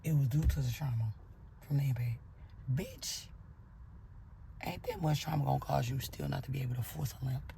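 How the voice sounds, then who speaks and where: A woman with a very deep, creaky, dark voice talks fast as she tells a personal story bluntly and with profanity, acting out her own angry outbursts. There is slight background noise.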